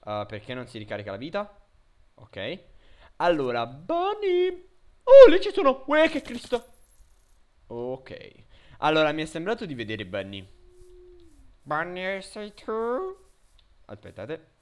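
A man commenting on his own game in an excitable, high-pitched voice. He talks slowly and swings wildly between shouting and muttering, with a hugely lively pitch. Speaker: gamer. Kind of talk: let's play commentary.

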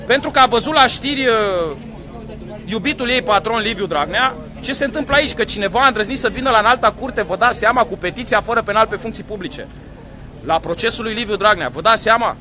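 A man's voice: high-pitched, animated. Emphatic man livestreaming outdoors. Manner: emphatic, addresses viewers directly with repeated questions. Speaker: livestreaming activist vlogger. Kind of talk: live commentary to viewers. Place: outdoors by a courthouse.

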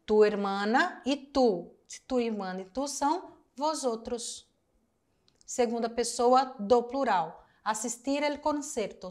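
Slow, patient woman teaching Spanish. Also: on the high side. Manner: explains step by step, repeats answers, addresses students directly. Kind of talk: recorded class lesson.

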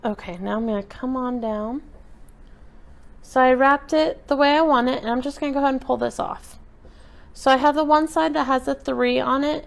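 Chatty woman with a gravelly edge explaining a craft. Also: fairly high pitch. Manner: relaxed, chatty explaining while working with her hands. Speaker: craft instructor. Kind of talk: step-by-step craft tutorial. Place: at a craft table indoors, filmed from above.

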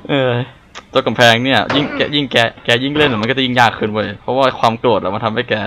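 A young man commenting on his own gameplay, excitable, yelping and exclaiming and talking to himself as he plays. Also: mid-range voice, quick pace, noisy background. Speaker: gaming YouTuber. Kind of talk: let's play commentary. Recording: music playing behind the voice. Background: game music.

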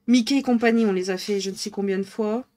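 Slow, chatty woman streamer, northern accent. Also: mid-range voice, mellow. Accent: northern French (ch'ti). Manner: chatty, thinks aloud, laughs often. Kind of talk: casual live-stream chat while colouring.

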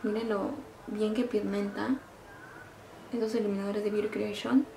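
A woman's voice: mid-range voice, moderate pace, gravelly, slight background noise. Gushing woman in an echoey room. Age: middle-aged. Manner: gushing, excited, lots of diminutives. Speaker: beauty vlogger. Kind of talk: casual makeup demo.

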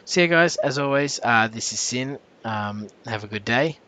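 Bright-voiced man narrating his gameplay. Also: medium pitch, normal speed. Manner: rambling with many fillers and self-corrections; jumpy reactions to in-game danger. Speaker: channel host. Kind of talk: casual gameplay commentary.

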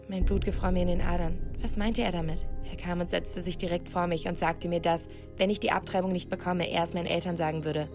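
Reading a written first-person narrative out loud, a woman performs it emotively and dramatically. Whenever the tension builds, her pitch shoots up.

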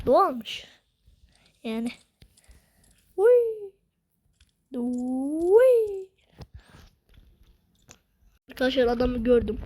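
A woman giving excitable, slangy gameplay commentary, swearing now and then. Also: high-pitched, poor audio. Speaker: gaming video host.

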